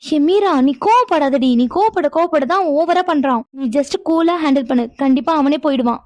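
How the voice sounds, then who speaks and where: A woman voicing a calm young woman in a cartoon who soothes her angry friend, coaxing in tone. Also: sits high, moderate pace, no echo, close to an everyday voice. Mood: soothing. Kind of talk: cartoon voice acting.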